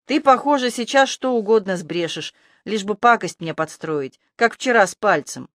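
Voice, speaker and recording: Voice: mid-range voice, animated, moderate pace, fairly bright tone, no room sound, clean studio sound, natural voice. An audiobook narrator voicing a wary, prickly young village girl who speaks indignantly. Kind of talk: audiobook character voice.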